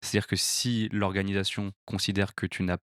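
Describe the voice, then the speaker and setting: A man talking casually on a podcast in a halting way, repeating words. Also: deep voice, level tone, fairly bright tone, smooth, no echo, clean studio sound.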